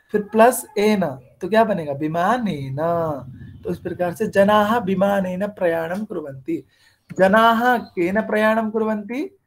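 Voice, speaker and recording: High-voiced man teaching a Sanskrit lesson. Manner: explains in Hindi between slow spoken Sanskrit examples; asks the class questions and answers them himself. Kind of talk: online language lesson.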